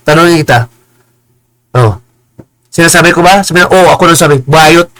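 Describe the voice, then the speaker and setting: A man ranting on a live stream, combative and insulting, stumbling over and repeating his words and slipping into slow, preachy English phrases. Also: fairly high pitch, a bit bright, low-quality recording. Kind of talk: heated live-stream rant.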